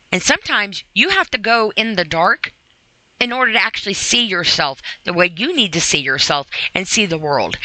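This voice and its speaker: Reading aloud from an e-book on sobriety, this podcast host breaks in with casual, motivating remarks and often speaks straight to her listener in an earnest, chatty way. Her mid-range voice sounds sharp, recorded dry and at poor quality.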